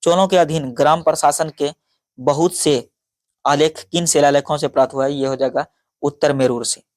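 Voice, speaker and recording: A man's voice: on the high side, steady tone, a little mellow, no echo, clean studio sound. A man teaching an exam-prep lecture, reading question-and-answer notes and often stumbling over names and correcting himself. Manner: halting, stumbles over names and restarts, frequent sorry.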